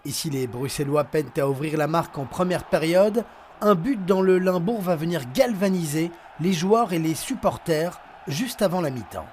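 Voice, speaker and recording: A male reporter giving scripted news narration with a measured, dramatic delivery. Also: fairly high pitch, darkish tone, slight background noise.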